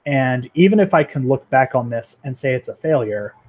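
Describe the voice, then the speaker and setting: A man's voice: medium pitch, animated, moderate pace, darkish tone. Rambling self-deprecating young man. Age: 20s. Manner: rambling, self-deprecating, lots of fillers and restarts. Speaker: 3D animator livestreaming. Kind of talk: casual livestream chat.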